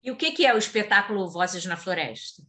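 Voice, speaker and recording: A woman's voice: medium pitch, animated, brisk. A Brazilian woman hosting a TV culture news programme, presenting and interviewing. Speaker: TV show host and interviewer. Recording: background music under the voice.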